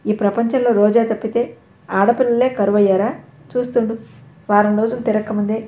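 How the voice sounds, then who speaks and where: A woman's voice: medium pitch, dark tone, roomy sound, close to an everyday voice. A woman voicing a hurt and angry young man in a storybook reading, speaking curtly and with resentment.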